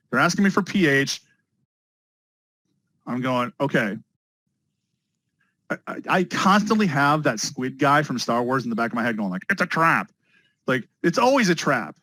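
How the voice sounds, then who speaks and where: An energetic male instructor teaching a live class, his pitch a little high and swinging widely as he talks. The sound is dry and close, with no room around it. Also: no echo, poor audio. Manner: energetic, talks to students with repeated phrases. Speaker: test prep instructor. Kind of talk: live online class lecture.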